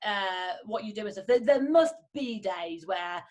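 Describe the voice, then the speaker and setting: A woman in her thirties hosting a podcast, chatty and encouraging, with a voice she herself calls deep. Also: animated, darkish tone. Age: 30s. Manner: chatty and encouraging, quick with fillers like "like" and "um". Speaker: podcast host. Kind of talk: casual chat.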